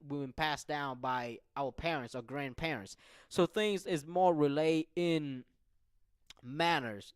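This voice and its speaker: Slow-explaining man, a bit high, dry sound. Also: dry recording. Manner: slow, repetitive, checks in with "right?". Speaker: talk show host. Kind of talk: solo explanatory talk.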